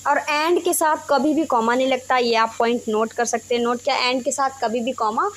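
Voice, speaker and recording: A woman's voice: sits high, steady tone, moderate pace. A young Indian woman teaching a grammar lesson, explaining step by step and often checking in with her students. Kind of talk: Hindi-English grammar lesson.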